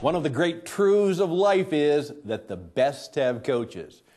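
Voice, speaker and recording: Middle-aged male host, lively pitch, emphatic, studio show. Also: takes it slowly, over loud music. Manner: emphatic, swings between loud and hushed. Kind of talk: energetic presenting to camera. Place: studio production floor.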